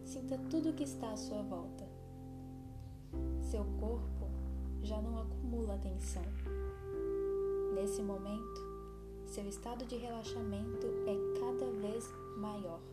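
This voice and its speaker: A woman narrating a guided meditation like a sleep story, soothing and deliberate, leaving long pauses between short phrases. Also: mid-range voice, fairly even intonation. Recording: music behind the voice.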